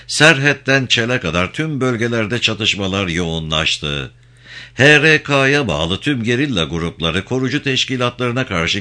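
A man's voice: fairly low pitch, pushed and bright. A man narrating a novel in a dramatic storytelling manner. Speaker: audiobook narrator.

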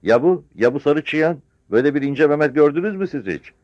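A man's voice: on the high side, expressive, fairly quick, dry recording, muffled recording, pitched above the performer's own voice, natural voice. A man putting on a bossy old village woman. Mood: mocking. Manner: scornful, shouting at the villagers.

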